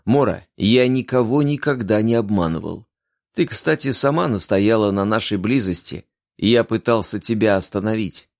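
A man playing a weary grown man who answers slowly and sullenly. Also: fairly low pitch, no echo, studio quality, natural voice. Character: weary grown man, town protector, calm lover.

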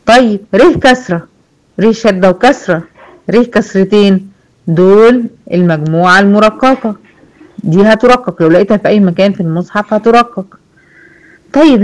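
An Egyptian woman teaches a tajweed class, going over each rule with care. Her voice sits at a middle pitch, and she repeats examples and keeps checking that her students follow. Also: darkish tone, rough recording. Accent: Egyptian Arabic. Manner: patient, repeats rules slowly with examples, checks understanding. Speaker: Quran recitation teacher. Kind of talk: online tajweed lesson.

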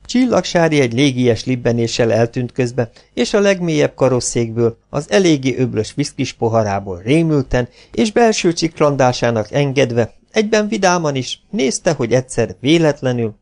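A man reading a novel aloud, narrating in a lively, expressive way. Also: medium pitch, gravelly. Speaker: audiobook narrator.

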